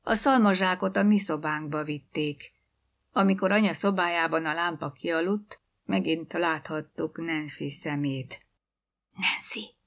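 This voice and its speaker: Lower-voiced woman narrator, measured audiobook reading. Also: steady tone, gravelly.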